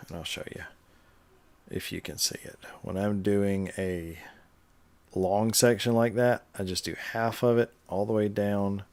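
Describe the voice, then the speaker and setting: A man's voice: low-pitched, darkish tone. A man casually chatting on a livestream while stitching, explaining his steps and answering the chat. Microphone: webcam livestream setup.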